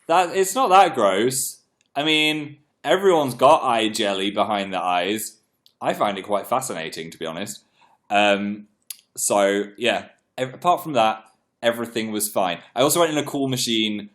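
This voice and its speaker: This livestream host is a young man whose fairly low, slightly bright voice has lively intonation and a normal speed. Congested and clearing his throat, he chats casually, pokes fun at himself, and reads viewer comments aloud.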